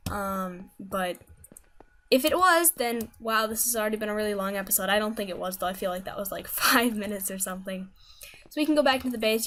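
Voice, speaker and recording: Woman rambling through a game playthrough, mid pitch, bit of hiss behind her. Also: fairly bright tone. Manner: chatty, rambling, self-correcting. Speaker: gaming video host. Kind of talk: casual gameplay commentary.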